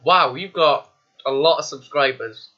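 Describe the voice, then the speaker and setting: Man, joking and crude, bright voice, dull lo-fi webcam sound. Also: a little high, measured pace. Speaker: vlogger. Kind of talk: casual video chat vlog.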